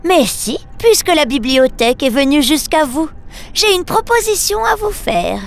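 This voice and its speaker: A woman playing a prim, strict librarian who scolds calmly and firmly. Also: high-pitched, normal speed, gravelly, heavily acted. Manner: strict, schoolmarmish and composed.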